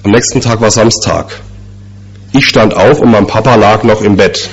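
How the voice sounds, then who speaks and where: A man preaching a sermon, telling stories and asking rhetorical questions with slow, emphatic repetitions. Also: lowish voice, dull audio.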